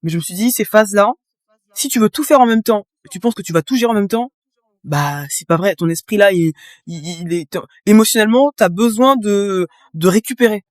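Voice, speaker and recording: A woman guest chats in a casual interview, painting her points with vivid images and speaking directly to the listener. Her voice sits at a middle pitch for a woman. The recording is dry and close. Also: a little fast, no echo. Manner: explains with vivid images, talks straight to the listener. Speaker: guest, business coach.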